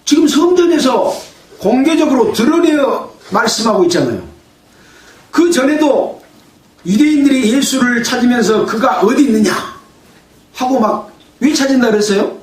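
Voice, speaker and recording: A man's voice: very high voice, lively intonation, moderate pace, far from the mic. A male pastor preaching a sermon. He asks the congregation questions, answers them himself, and raises his voice to act out quoted sayings. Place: church. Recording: echoey room, voice from afar.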